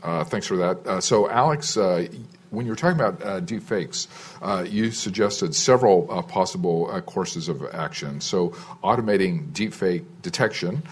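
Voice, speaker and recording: A man chairing a hearing, brisk and procedural as he hands out the floor and asks follow-up questions. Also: low-pitched, slightly rough. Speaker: committee chair.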